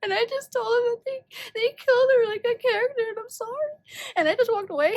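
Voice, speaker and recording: Very high-pitched woman reacting to a movie. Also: quick pace. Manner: emotional, loud and profane outbursts. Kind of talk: first-watch movie reaction commentary. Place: at home.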